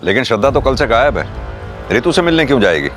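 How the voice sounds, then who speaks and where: An actor playing a senior police officer who questions people firmly in a TV crime drama. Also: male voice, medium pitch, very animated, fast talker, a bit bright, soft background music. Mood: authoritative. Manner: firm, interrogating. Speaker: police inspector.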